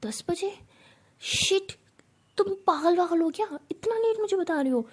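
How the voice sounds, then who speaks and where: A woman's voice: high-pitched, normal speed, mellow, slightly rough. A woman voicing a playful, bossy young woman who runs a company, teasing her girlfriend.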